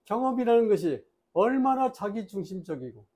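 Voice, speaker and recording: High-voiced man giving a dharma talk. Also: moderate pace. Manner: lively storyteller, acts out voices in his tales; plain, explanatory lecturing. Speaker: Buddhist dharma lecturer.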